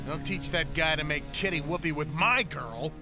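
A man's voice: fairly high pitch, normal speed, loud music behind the voice, lightly acted. An actor voicing a sarcastic male house cat who talks in dry wisecracks.

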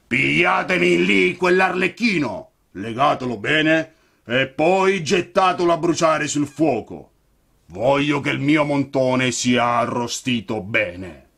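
A man voicing a huge, gruff, bearded puppet master who is soft-hearted underneath, talking in a loud, blustering manner. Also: medium pitch, animated, unhurried, pitched above the performer's own voice, heavily acted.

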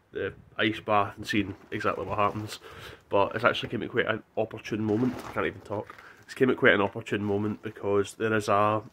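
A man's voice: fairly low pitch, a bit bright. A young man with a Scottish accent chatting casually to camera as a vlogger. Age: young adult. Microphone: phone at arm's length. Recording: faintly noisy phone recording.

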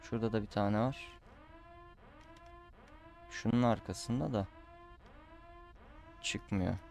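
A man's voice: on the low side, slow pace, gravelly, darkish tone. Chatty man commenting a game. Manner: chatty, frustrated outbursts, calls the audience "abi". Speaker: gameplay commentator. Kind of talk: casual Let's Play commentary.

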